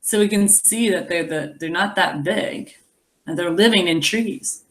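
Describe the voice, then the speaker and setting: This woman has a lowish voice and the audio is poor. Acting as a teacher, she reads a picture book expressively to young children, stopping to explain things and think aloud.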